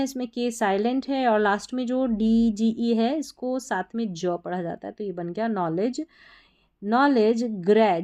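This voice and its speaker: A woman teaches English spelling and reading. She sounds out each word one letter at a time, then explains what it means. She speaks slowly, in a smooth, resonant voice of middle pitch. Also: a little mellow. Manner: spells words out letter by letter, then gives the meaning.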